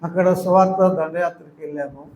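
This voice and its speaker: A man's voice: a little high, steady tone, quick pace, a little mellow, roomy sound, dull audio, a little hiss or hum. An older man preaching a sermon with a Telugu accent, building to emotional crescendos as he retells people's pleas.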